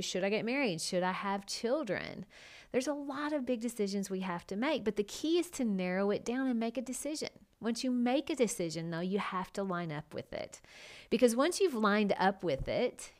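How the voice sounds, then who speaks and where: Woman, podcast host, casual solo talk, conversational, emphatic delivery, addresses listeners directly, medium pitch. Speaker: podcast host and design consultant.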